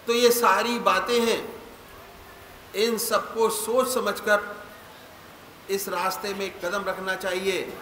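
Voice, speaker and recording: Slow, echoing spiritual teacher. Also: male voice, fairly high pitch, bright, forceful tone, a little hiss or hum. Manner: slow, measured, didactic preaching with pauses. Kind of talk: sermon. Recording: echoey hall with faint ambience.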